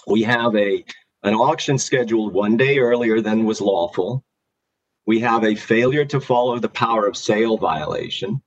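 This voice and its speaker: A man speaking as a lawyer in formal oral argument, deliberate and emphatic. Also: lowish voice, muffled recording, a little hiss or hum. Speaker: lawyer arguing an appeal.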